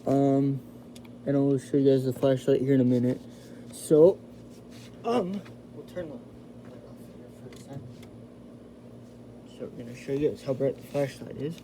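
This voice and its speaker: With a steady, dark-toned voice of medium pitch, this video host talks at normal speed but leaves long pauses while he handles and reviews a radio inside a house. The review is casual and hands-on, he chats directly with viewers as "you guys," and a slight hiss or hum sits in the audio.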